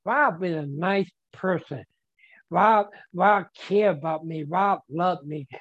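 A man's voice: sits high, slow, muffled recording. A man sharing at a twelve-step recovery meeting, stuttering and repeating words in simple, earnest phrasing.

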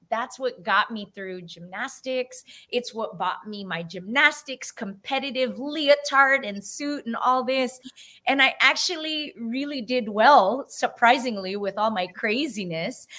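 A woman from San Francisco, a podcast guest who tells her life story in a lively way and acts out the voices of the people in it. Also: fairly high pitch. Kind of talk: storytelling interview answer.

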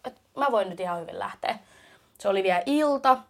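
A young woman with a Finnish accent telling a funny story on a podcast, animated and laughing. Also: medium pitch. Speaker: podcast co-host. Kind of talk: casual storytelling chat.

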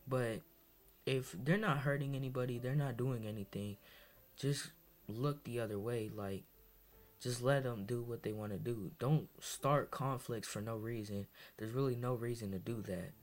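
A man's voice: medium pitch, moderate pace. Hesitant young man rambling on a podcast. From Massachusetts, USA. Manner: rambling, hesitant, many fillers and restarts. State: tired, low on energy. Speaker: podcast host. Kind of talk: casual solo podcast monologue.

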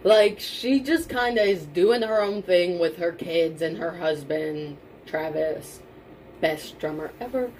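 Slow and low-pitched, this young podcast co-host talks casually and with emphasis, often repeating herself to stress points and swearing a bit. The audio is poor, with constant background noise and room ambience.

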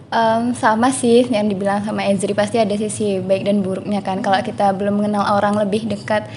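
A young woman from Java chatting as an interview guest, relaxed and thinking aloud with fillers. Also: medium pitch, brisk, noisy background. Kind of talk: casual interview chat.

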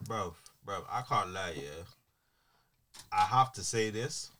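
A man's voice: deep voice, expressive, slow, bright, forceful tone. A man with a London roadman style British urban accent, chatting casually on a podcast in emphatic, repetitive street slang. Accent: British urban street (London roadman style MLE).

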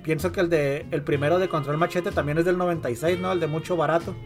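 A man with a Mexican accent and a slightly high voice hosts a casual podcast. He talks in loose, rambling slang. Guitar music plays clearly behind him. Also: fairly even intonation, fast. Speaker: podcast host.

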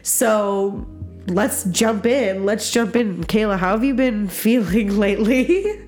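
A woman co-hosting a casual podcast, chatty and giggly, with a congested, slightly raspy voice from a stuffy nose. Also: lively intonation, slow, a little mellow, faint music behind. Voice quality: low, raspy. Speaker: podcast host, social worker. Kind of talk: casual chat.

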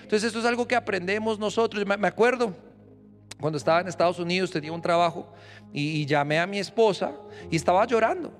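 A man preaching a sermon as pastor, rising to loud emphatic declarations and dropping to a personal storytelling tone. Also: sits high, fast, faint music behind.

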